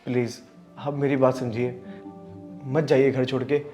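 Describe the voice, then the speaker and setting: A man's voice: mid-range voice, level tone, unhurried, music in the background, natural voice. A young man playing an earnest younger brother who pleads and reproaches in a scripted family skit. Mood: apologetic. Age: young adult.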